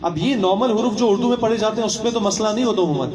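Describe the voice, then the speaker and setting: A young man with a high voice leads a religious training session, asking his listeners rhetorical questions and repeating his points. He mixes English words into his speech. He is heard from a distance, in a large hall that rings with echo. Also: darkish tone. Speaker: religious instructor. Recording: echoey hall, voice from far off.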